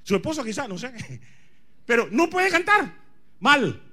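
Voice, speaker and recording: High-pitched male preacher, non-native Spanish speaker. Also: sing-song, measured pace, sharp tone. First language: not Spanish. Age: 40s. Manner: emphatic, repeats phrases, questions the congregation. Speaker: pastor preaching. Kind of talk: charismatic church sermon.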